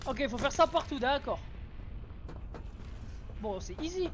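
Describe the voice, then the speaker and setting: A scared horror game streamer with a high voice that swings widely in pitch. The delivery is jumpy, slangy and full of swearing, reacting to the game as it is played. Game noise is clearly audible behind the voice. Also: a little slow. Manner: excitable, easily startled, jumpy scared reactions; foul-mouthed, slangy. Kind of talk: horror game let's play commentary. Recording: noisy, game sounds behind voice.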